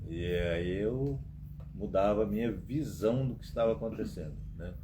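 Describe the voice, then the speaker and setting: A man's voice: fairly low pitch, normal speed. A man hosting a live stream, telling rambling anecdotes and acting out the dialogue, with frequent tag questions. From Brazil. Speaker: host. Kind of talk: casual live-stream storytelling. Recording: muffled live-stream audio with background noise.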